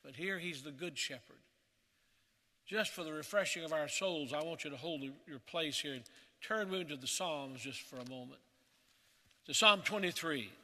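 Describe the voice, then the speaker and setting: A man, the pastor, preaching a sermon at a pulpit microphone in an earnest, measured way, often dropping to a soft, hushed voice. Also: fairly high pitch, big-room sound.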